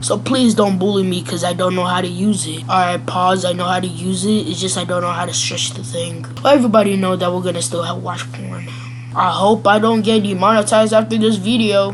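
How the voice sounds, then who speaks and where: A woman hosting a reaction video in casual, blunt and crude commentary, rambling with lots of fillers. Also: on the low side.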